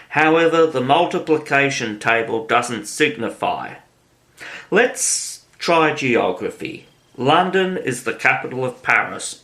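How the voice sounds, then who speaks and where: A man's voice: mid-range voice, a bit bright. A man reading the part of a curious young girl who talks to herself in wonder. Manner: musing aloud to herself.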